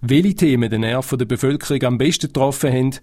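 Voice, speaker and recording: A man with a Swiss accent delivering a scripted radio news report, measured and formal. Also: mid-range voice, a little mellow.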